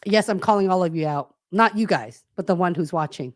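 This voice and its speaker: A woman career coach speaking casually and frankly on a video call, animated and calling out her listeners. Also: on the low side, brisk, dry recording, studio quality. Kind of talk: casual webinar talk.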